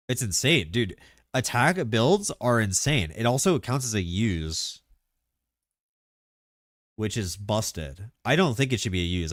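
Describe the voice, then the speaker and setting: A man streaming live, chatting casually and excitably about game mechanics, rambling with lots of filler words. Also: on the low side, no echo, clean studio sound.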